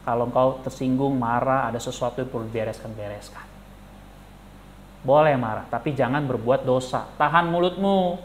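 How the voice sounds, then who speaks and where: A male pastor giving a lively sermon, animated and jokey, questioning the congregation. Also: medium pitch, moderate pace, slight background noise. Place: church.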